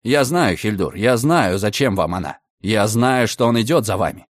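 A man's voice: fairly low pitch, expressive, normal speed, no echo, clean studio sound, pitched below the performer's own voice. A man voicing a stern police commissioner, speaking in curt, commanding lines. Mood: gentle firm.

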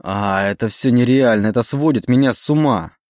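A man voicing a grief-stricken young man who shouts in anguish at the demon inside him, in an audiobook reading. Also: fairly low pitch, normal speed, no room sound, studio quality, close to an everyday voice. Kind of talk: audiobook character voice.

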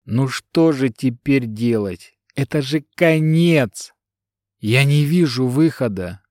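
A man's voice: mid-range voice, slow, dry recording, studio quality, natural voice. A man reading an audiobook, voicing a despairing middle-aged husband who moans in a melodramatic way. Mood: moaning. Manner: moaning, melodramatic. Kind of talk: audiobook character dialogue.

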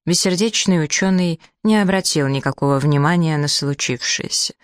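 Steady audiobook narrator, dry sound. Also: mid-range voice, moderate pace, clear, resonant tone, dry recording. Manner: steady storytelling. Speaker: audiobook reader. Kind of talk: scripted novel narration.

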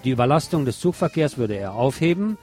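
Playing a radio show host, this man covers scripted local news and opines on it, very animated and fairly quick, in a mid-range voice with a darkish tone. Music plays in the background.

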